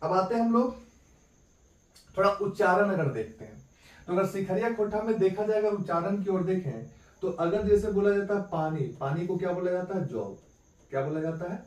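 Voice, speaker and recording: A man with a high, slightly mellow voice leads an exam-prep lesson at normal speed, rephrasing key points as questions before answering them. He's recorded in an echoey room by a microphone placed some distance away.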